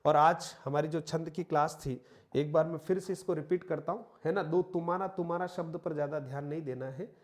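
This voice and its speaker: A man's voice: a little high, fairly even intonation, fairly quick. A man teaching an online exam-prep lesson, patiently explaining step by step and counting syllables aloud. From India. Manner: addresses listeners as friends, explains step by step with slides. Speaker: Hindi teacher.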